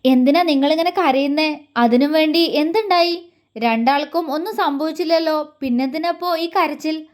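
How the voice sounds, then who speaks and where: A desperate young man with a hot temper, pleading and agitated, as a woman storyteller puts him on. The voice is pitched high and read as part of an audio story. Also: moderate pace, natural voice. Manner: pleading then angry outbursts.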